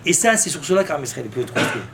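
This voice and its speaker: Impassioned rabbi with a lively pitch. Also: male voice, quick pace, gravelly, heavy background noise. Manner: impassioned, with sudden rises and fervent rhetorical questions; mixes Hebrew terms into his speech. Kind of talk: sermon.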